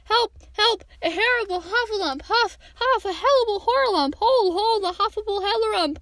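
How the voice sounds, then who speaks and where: A woman's voice: very high-pitched, expressive, moderate pace, a bit bright, no room sound, voice pushed up. A woman voicing a small, timid male piglet from a storybook, anxious, breathless and stammering. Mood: panicked. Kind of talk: storybook character voice.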